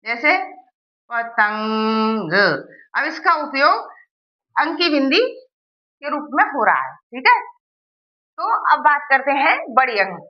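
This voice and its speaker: A woman's voice: sits high, big pitch swings, measured pace, pauses often, highs cut off. A woman teaching a grammar lesson, asking her students questions and answering them herself, checking that they follow.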